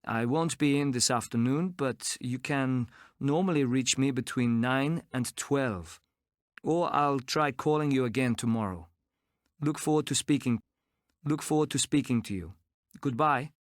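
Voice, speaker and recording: A man playing a slow, polite caller leaving a voicemail. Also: medium pitch, no echo, studio quality, close to an everyday voice. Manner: leaving a voicemail, careful and repeating the phone number. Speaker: business caller. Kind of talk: scripted role play for a language course.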